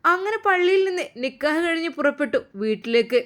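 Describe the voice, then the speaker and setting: A woman's voice: very high voice, lively intonation, a little fast. A woman narrating a romantic wedding story with feeling and lingering phrasing, speaking with a Malabar Malayalam accent.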